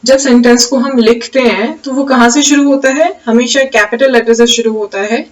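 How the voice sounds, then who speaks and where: A woman teacher with an Indian accent, explaining grammar slowly in a lesson, putting an English rule and then restating it in Hindi with questions to the class. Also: fairly high pitch, steady tone, far from the mic, rough recording.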